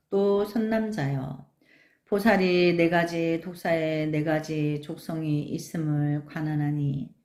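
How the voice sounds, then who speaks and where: A woman, a Buddhist nun, reading a sutra aloud in a measured, solemn recitation. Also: fairly low pitch, dark tone. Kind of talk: slow, even sutra recitation. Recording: echoey room.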